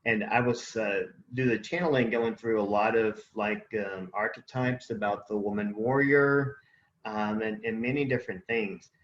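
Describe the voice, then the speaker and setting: A man's voice: lowish voice, fairly even intonation, normal speed, reverberant, muffled recording. A man co-hosting a casual spiritual conversation, rambling and searching for words with many fillers. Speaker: podcast co-host.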